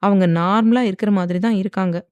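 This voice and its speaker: A woman voicing a playful, sulky young wife with pouty, quick retorts in a dramatized audiobook reading. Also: mid-range voice, fairly even intonation, a little mellow, clear, resonant tone, no echo, lo-fi sound, close to an everyday voice. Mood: earnest.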